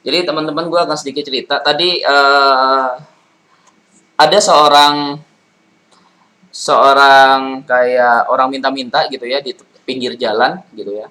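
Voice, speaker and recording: A man's voice: mid-range voice, fairly even intonation, a little slow, long pauses, pushed and bright, low-quality recording. A man giving business advice in a loose, chatty monologue, full of fillers and restarts. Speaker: property and business consultant.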